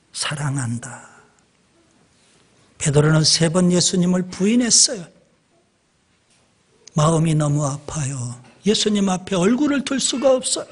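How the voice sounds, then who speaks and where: Preaching in a church, a male pastor has a voice slightly high for a man, with a husky, somewhat breathy texture. His delivery is slow and measured, with emphatic pauses, and he frequently addresses the congregation.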